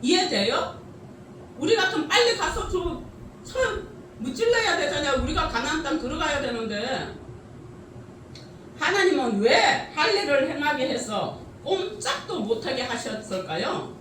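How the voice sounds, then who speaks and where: A woman's voice: high-pitched, very animated, unhurried, fairly bright tone, slight background noise. A middle-aged woman preaching a sermon with many rhetorical questions and frequent laughter, heard from a distance in a church sanctuary. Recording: echoey church hall from a distance.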